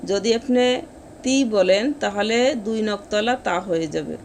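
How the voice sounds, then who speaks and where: A woman teaching Quran reading, explaining pronunciation rules and then reciting each word slowly and drawn out. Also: mid-range voice, slight background noise. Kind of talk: step-by-step recitation lesson.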